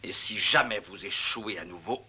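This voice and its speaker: An actor playing a coldly authoritative, menacing magistrate in a dubbed period adventure series, speaking formally and sternly. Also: male voice, on the low side, normal speed, sharp tone, breathy edge, heavily acted. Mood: stern reproach.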